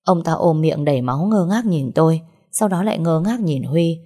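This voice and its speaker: A woman narrating a first-person story in a steady, dramatic reading. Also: sits low, normal speed.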